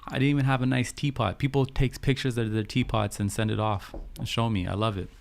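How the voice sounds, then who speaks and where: A live stream host and podcaster who grew up in Vancouver, Canada, runs a casual chat in an affirming way, repeating phrases and checking that listeners follow. His medium-pitched voice is gravelly, flat and fairly quick. A little hiss or hum is audible.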